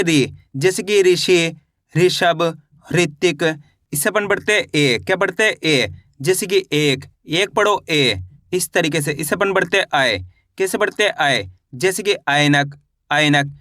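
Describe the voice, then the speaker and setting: A male teacher leading a patient beginner lesson on reading Hindi letters. He drills each sound, slows down on example words, and keeps checking that the learner follows. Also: high-pitched, pushed and bright, no echo, clean studio sound.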